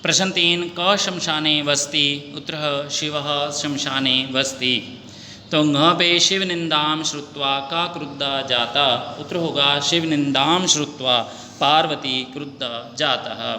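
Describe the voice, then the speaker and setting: Man, Sanskrit teacher, slow methodical recitation, sharp bright voice, long reverb. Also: fairly high pitch, steady tone. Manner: reads answers aloud, drawn-out, methodical. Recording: long reverb, faint noise.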